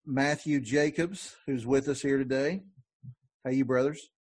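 A man hosting a podcast in a relaxed, conversational way, with frequent fillers and restarts. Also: medium pitch, measured pace, slightly rough, dry recording. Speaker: podcast host. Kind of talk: casual podcast talk.

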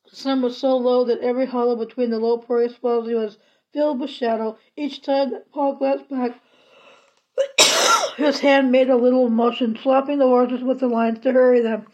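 A woman reading a classic children's novel aloud at an unhurried pace, plain and steady. Her voice is fairly high, and the recording has a slightly dull, lo-fi quality. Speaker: audiobook reader.

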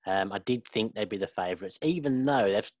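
A man co-hosting a casual football podcast, measured and reasoning aloud. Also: fairly low pitch, a little mellow, no echo. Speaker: podcast co-host.

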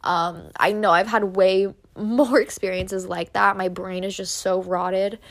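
A woman's voice: mid-range voice, fairly even intonation, measured pace, gravelly. A woman hosting a solo podcast in casual, candid, sweary chat, recorded in an echoing bathroom. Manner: informal, candid, peppered with swearing. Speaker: podcast host.

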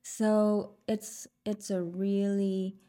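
Extremely slow and flat, a young woman from Vietnam speaks with a Vietnamese accent as a guest singer on a podcast. In a mid-range, dark-toned voice, she hesitates often, leans on fillers and gives small laughs.

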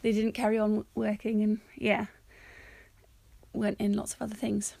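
A woman's voice: medium pitch, completely flat delivery, normal speed, gravelly, warm tone, a little hiss or hum. A woman co-hosting a casual film review chat, talking through her notes with frequent laughter. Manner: chatty, reads out her notes, often laughs. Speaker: podcast co-host.

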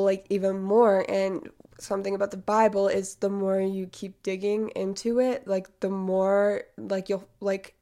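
Here the podcast host, a woman of eighteen, has a dark tone in a mid-range voice. Congested from a cold, she rambles chattily through a casual monologue packed with fillers.

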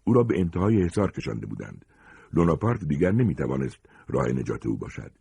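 A man reading a short story aloud with expressive, dramatic narration. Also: rumbling low, vocal fry, breathy edge, no echo.

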